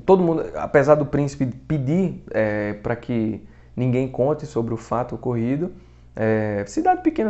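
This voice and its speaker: On a dull, muffled lo-fi recording, a Brazilian man with a warm, mid-range voice hosts a literature podcast. Speaking in Brazilian Portuguese-accented, colloquial style with some swearing, he casually recounts a novel's plot.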